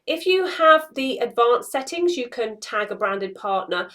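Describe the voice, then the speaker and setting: Her voice is on the high side and a little bright, with lively intonation and a somewhat slow delivery. The speaker is a woman in about her forties who hosts social media tutorials, calmly explaining things step by step from a small indoor room.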